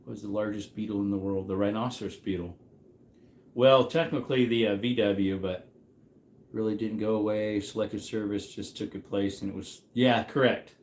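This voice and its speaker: A man's voice: fairly low pitch, fairly even intonation, moderate pace, darkish tone, roomy sound, a little hiss or hum. A man in his mid-thirties hosting a trivia livestream, rambling casually and reacting to chat as he goes. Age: 30s. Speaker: livestream host running trivia.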